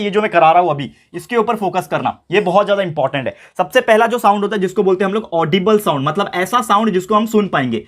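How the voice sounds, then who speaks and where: A young male tutor with a fairly high voice gives an online science lesson. He mixes English phrases into his talk and keeps asking his class rhetorical questions. He slows right down to repeat each key term. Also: fairly bright tone.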